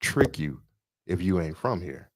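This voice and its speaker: A man's voice: sits low, sing-song, a little slow, no room sound. A man co-hosting a podcast, lecturing in an emphatic way and repeating his points. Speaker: podcast co-host. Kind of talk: casual political talk.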